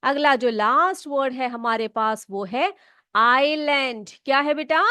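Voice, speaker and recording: A woman teacher from North India, explaining English words and spelling them out slowly, often checking whether the pupils follow. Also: high-pitched, sharp tone, clear, resonant tone, no echo. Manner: slow, drawn-out spelling and frequent check-ins with pupils. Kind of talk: classroom English vocabulary lesson.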